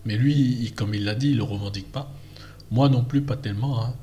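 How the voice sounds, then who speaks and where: A man's voice: medium pitch, fairly quick, dark tone, slight background noise. A man from French Guiana giving an emphatic, casual opinion monologue with many fillers and restarts. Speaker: vlogger.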